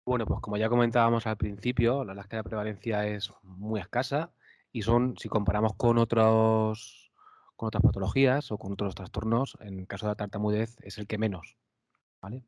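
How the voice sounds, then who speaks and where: A man's voice: fairly low pitch, fairly even intonation, brisk, a little mellow, no echo. A man with a Spanish accent, a speech therapist answering questions on a panel, explaining with frequent fillers and tag questions.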